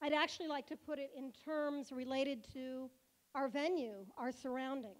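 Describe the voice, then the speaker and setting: A woman, the synagogue president, giving a joking, warm-hearted speech at a banquet held in a car museum hall. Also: high-pitched, steady tone, normal speed. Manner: playful, joking speaker.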